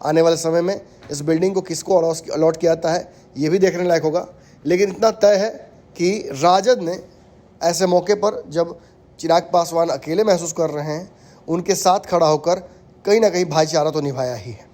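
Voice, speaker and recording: High-voiced, mellow male news anchor. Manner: measured, emphatic political commentary. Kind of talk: scripted news commentary.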